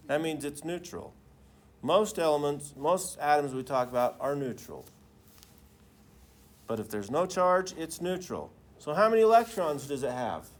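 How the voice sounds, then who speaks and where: A man with a voice on the high side teaches a class like a lecturing professor, keeping things informal and often checking in with his students by asking questions.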